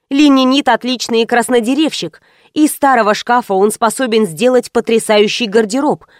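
A woman narrating an audiobook in the first person, with lively, ironic storytelling. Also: fairly high pitch, no room sound, clean studio sound.

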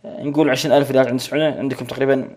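A man teaching a grammar lesson, repeating each point slowly and checking that students follow. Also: mid-range voice, flat delivery, a little mellow.

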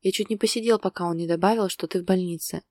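A woman's voice: fairly low pitch, fast talker, darkish tone, dry recording, clean studio sound, close to an everyday voice. A woman reading the lines of a restrained man who is torn up with emotion, speaking tense and urgent in a storybook reading. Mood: tender. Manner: tense, urgent, speaking through gritted teeth. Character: distraught adult man, restrained but emotional lover.

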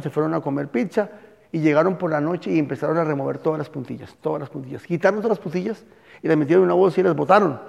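In a church hall, a Colombian-accented pastor teaches in a conversational style and questions the people gathered there. He speaks on the high side, with a creaky, mellow quality, and the audio is muffled under a long reverb.

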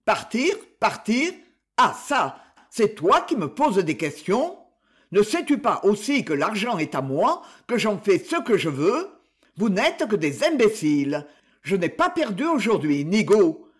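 Man playing angry old miller, drunk, shouting, high strained pitch, storybook. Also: sing-song, unhurried, breathy edge, exaggerated voice. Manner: shouting, indignant.

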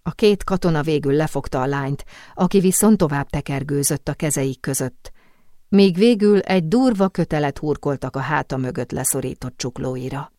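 A woman narrating an audiobook in a dramatic, expressive storytelling manner. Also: sits low, no room sound, clean studio sound. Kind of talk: scripted narration.

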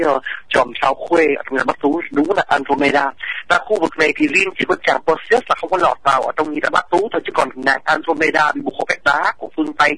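A man presenting an educational radio talk, explaining at length, addressing listeners formally, and pausing often to hesitate. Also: fairly high pitch, sharp tone, husky, no echo, rough recording.

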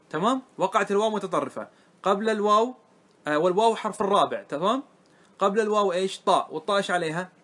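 A man teaching a grammar class to students, often asking them whether it is clear and repeating key words. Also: high voice, a bit bright. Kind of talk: classroom lesson.

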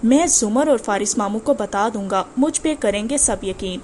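A woman's voice: mid-range voice, lively intonation, darkish tone, slight background noise, pitched below the performer's own voice, natural voice. A woman voicing a defiant, indignant young man in an audiobook, speaking firmly and heatedly.

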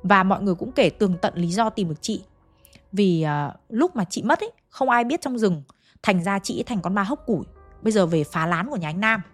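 A woman's voice: medium pitch, expressive, brisk, no echo. Woman, ghost story narrator, chatty, dry close sound, faint music behind. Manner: chatty, addresses listeners directly.

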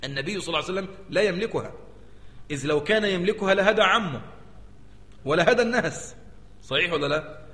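An Egyptian sheikh lectures at a brisk clip, his slightly raised voice ringing through a large hall with a long, echoing tail. He teaches in a lively way, constantly tossing rhetorical questions back at the listeners. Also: high-pitched. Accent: Egyptian Arabic. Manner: animated, keeps asking the audience rhetorical questions. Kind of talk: religious lecture. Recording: echoey hall with long reverb.

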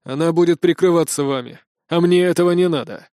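A scheming male villain who talks in a cold, measured tone, voiced by a male narrator. His voice is on the high side and recorded close and dry. He sounds like a storybook villain. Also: warm tone, no echo, natural voice.

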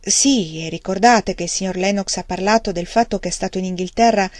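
A woman's voice: medium pitch, fairly quick, darkish tone, no echo, studio quality, natural voice. A woman reading the lines of an earnest, troubled young woman who speaks in a pleading, sincere way. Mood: hesitant.

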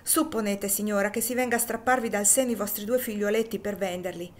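A woman's voice: medium pitch, steady tone, fast talker, lightly acted. An earnest compassionate lady, read by a woman. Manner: earnest, emphatic.

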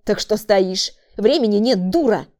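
A woman's voice: mid-range voice, expressive, normal speed, warm tone, lightly acted. Woman voicing a brutal, barking male killer. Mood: angry. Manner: harsh, barking insults. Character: brutal male killer, sister's brother, furious. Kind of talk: audiobook character voice.

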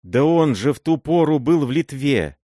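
Мужчина, читающий за молодую боярыню, которая испуганно молит мужа, повышая голос. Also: male voice, a little high, lively intonation, moderate pace, mellow, dry recording, studio quality, voice pushed up. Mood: оправдание. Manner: pleading, raised voice. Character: young boyar's wife, frightened and desperate.

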